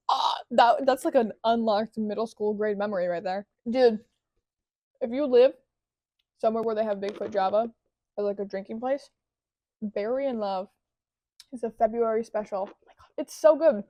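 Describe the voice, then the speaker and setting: A young woman who vlogs about crochet chats casually, bubbly and rambling, often joking at her own expense. Her voice is a little high with a warm tone, and there's no room sound.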